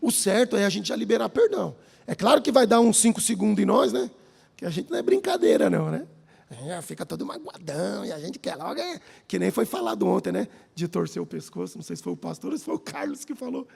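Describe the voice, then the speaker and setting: A man's voice: high voice, fast talker, gravelly, husky. A man with a Brazilian Portuguese accent preaching a sermon in a church hall, telling stories and often addressing the audience as brothers. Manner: lively, keeps calling the audience brothers. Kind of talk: sermon with personal storytelling.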